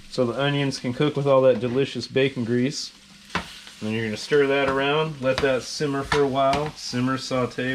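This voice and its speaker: Over a noisy background, a man with a slightly high voice chats his way through a casual cooking demonstration in his home kitchen. His commentary is sarcastic and laced with constant profanity.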